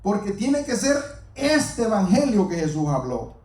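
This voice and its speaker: A man's voice: sits high, sing-song, measured pace, darkish tone. A man preaching a sermon, speaking earnestly and repeating himself as he addresses the congregation directly. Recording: roomy echo, mic far off.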